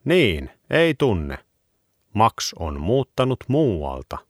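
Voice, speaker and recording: A patient grandfather from a children's storybook speaks in a very deep, calm, reassuring voice, as a man acts him out. The lines lift lively in pitch and sound dry and close. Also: no room sound.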